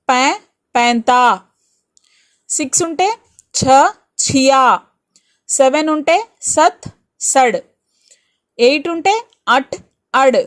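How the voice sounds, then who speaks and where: A woman teaching an exam-prep grammar lesson, explaining step by step with reassuring rhetorical questions. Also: high voice. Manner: mixes Telugu with English words.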